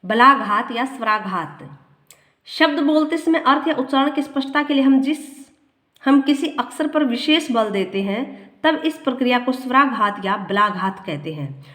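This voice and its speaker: A woman with a fairly high voice reads grammar notes aloud as a teacher. She often goes back over a line slowly to make it clear. The room around her echoes noticeably. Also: lively intonation, a bit bright. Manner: reads a line, then repeats it slowly to explain.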